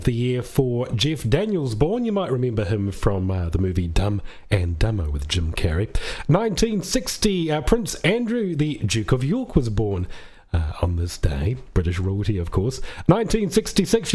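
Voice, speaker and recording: A New Zealand man hosts a music radio show from the studio, offering friendly, chatty, upbeat DJ links with music playing underneath. His medium-pitched, slightly mellow voice swings widely in pitch at a normal speed.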